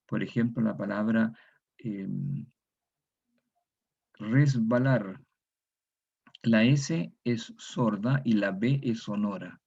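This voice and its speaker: A Chilean man delivers a methodical lecture in a dark, husky voice with a gravelly edge. He repeats each example word and adds tag questions as he goes. The recording sounds dull and lo-fi. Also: lowish voice, slow pace, pauses often. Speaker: university lecturer.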